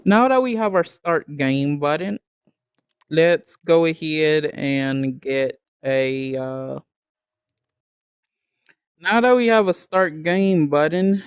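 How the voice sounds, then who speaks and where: A man walks through building a game step by step, slow and halting, with ums and restarts and an occasional hiccup. His voice sits fairly high and smooth. The recording is dry and a little dull, like a cheap home mic. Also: no echo. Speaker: game tutorial creator.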